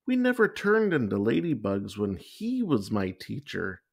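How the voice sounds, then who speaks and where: A man voicing an anxious, excitable young schoolgirl in a children's storybook, given to high exclamations. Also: measured pace, vocal fry, breathy edge, full character voice. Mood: nervous, urgent.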